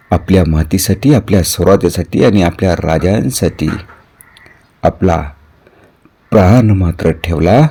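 A man telling a heroic history as a devotional kirtan storyteller, swinging dramatically between soft and loud. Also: sits low.

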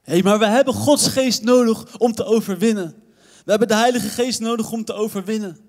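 Young Dutch youth pastor, lively sermon with playful asides, reverberant church hall. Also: male voice, high-pitched, a little fast.

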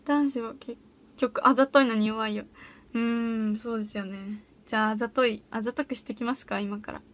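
Bubbly high-voiced teenage girl streaming. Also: fairly even intonation, fairly quick. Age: teens. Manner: bubbly, giggly, reacts to viewer comments. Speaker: audition livestreamer. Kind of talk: casual solo livestream chat reading comments. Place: small humid room at home.

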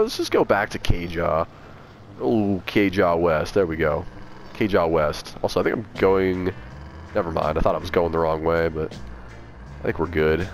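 A man giving casual, profane, goofy commentary while playing a video game as the channel's host. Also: sits low. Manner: profane, goofy, easily startled.

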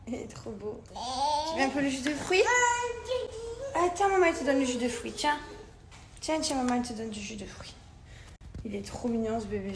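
A woman filming a casual family vlog, cooing softly at her baby between chatty asides to her viewers. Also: high-pitched, background noise. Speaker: family vlogger and mother.

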